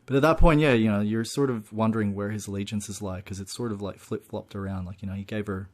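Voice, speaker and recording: A man's voice: lowish voice, fairly even intonation, fast talker. A man co-hosting a podcast, casually walking through a film's plot at length and peppering his talk with "you know" and "look". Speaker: podcast co-host. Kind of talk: casual film discussion.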